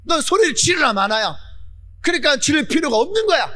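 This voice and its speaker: High, lively-voiced man preaching fervently. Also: brisk. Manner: fervent preaching with repeated phrases, building to shouts. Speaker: pastor. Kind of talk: sermon.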